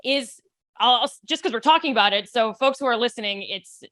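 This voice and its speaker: A woman host with a bright, forward tone chats casually and wryly, riffing on what her guest says. Her voice sits close and dry on the mic, with no room sound. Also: a little high, no room sound. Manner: chatty, wry, quick to agree. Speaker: podcast host. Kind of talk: casual conversation.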